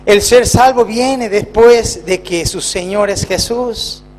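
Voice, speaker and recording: Man, argentine accent, pastor preaching, slow deliberate delivery, emphatic rises. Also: high voice, a little mellow. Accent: Argentine Spanish. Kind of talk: sermon. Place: church.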